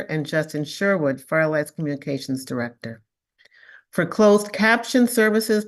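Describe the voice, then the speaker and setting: A woman hosting an online panel event, reading thanks and a guest's biography aloud. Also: lowish voice. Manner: reads acknowledgments and a bio aloud. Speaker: event host. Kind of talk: scripted event introduction.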